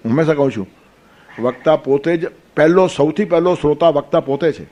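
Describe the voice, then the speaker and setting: A man's voice: a little high, a little fast, darkish tone. A man giving a discourse on a sacred text, explaining with homely stories and counting aloud. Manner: storytelling with counting and playful asides. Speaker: spiritual teacher. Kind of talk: Gita discourse.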